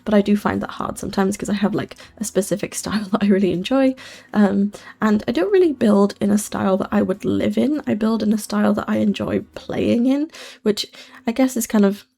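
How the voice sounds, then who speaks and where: Brisk and mellow with some vocal fry, a medium-pitched young British woman talks through her gaming build channel in loose, chatty voice-over. She rambles, corrects herself often, and her S sounds carry a whistle.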